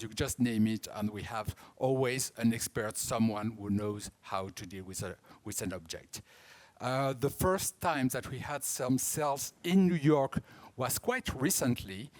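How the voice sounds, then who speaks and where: A man in his fifties with a French accent, a native French speaker, giving a conference talk as an auction house director, explaining in a halting way with frequent restarts. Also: mid-range voice. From France. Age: 50s.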